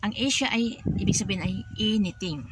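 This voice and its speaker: A woman's voice: medium pitch, animated, a little fast, background noise. A woman with a Filipino accent giving a casual spoken language lesson, patiently repeating each word and giving everyday examples. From Philippines. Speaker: language teacher for overseas workers.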